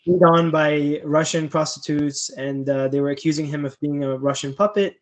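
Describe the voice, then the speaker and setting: A man's voice: fairly high pitch, steady tone, normal speed. A man hosting a casual political podcast chat, speaking sarcastically and chuckling mid-sentence.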